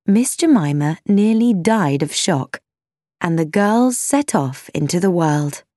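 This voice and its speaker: Woman, audiobook narration, slow, lively intonation, clear delivery. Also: fairly low pitch, no room sound, clean studio sound. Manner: slow, clear, expressive storytelling. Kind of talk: scripted narration of a simplified classic novel.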